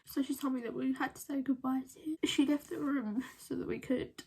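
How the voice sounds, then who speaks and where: Tearful woman, creaky husky voice. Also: high-pitched, fairly even intonation, dark tone. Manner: halting, breaking into whispers. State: crying, holding back tears. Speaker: vlogger. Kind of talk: personal story to camera.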